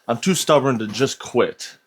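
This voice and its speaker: A man's voice: medium pitch, unhurried, a little hiss or hum. A young man vlogging casually about 3D printing, rambling and hesitant with lots of filler words. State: hyped on an energy drink. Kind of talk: casual vlog talk.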